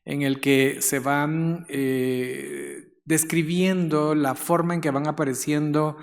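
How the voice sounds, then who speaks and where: A man's voice: fairly high pitch, steady tone, slow pace, gravelly. A man from Guatemala giving a conference lecture in a conversational way, with frequent fillers and a touch of humor. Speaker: guest lecturer, neurologist. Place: lecture hall. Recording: long hall reverb.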